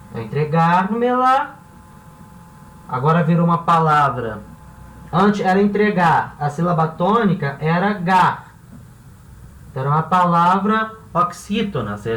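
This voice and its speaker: A man's voice: fairly high pitch, fairly bright tone. A man teaching a grammar lesson, explaining step by step and asking rhetorical questions as he goes. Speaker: Spanish teacher. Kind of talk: classroom-style grammar lesson. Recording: roomy, slightly distant mic.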